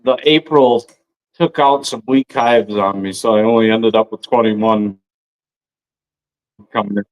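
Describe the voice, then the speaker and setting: A man's voice: fairly low pitch, steady tone. A man calling in over a video call, heard through a speaker, chatting casually and breaking off mid-sentence as he talks. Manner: halting, breaks off and restarts. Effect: heard over a video call through a speaker, a little distant. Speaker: caller on a beekeeping livestream. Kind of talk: casual chat.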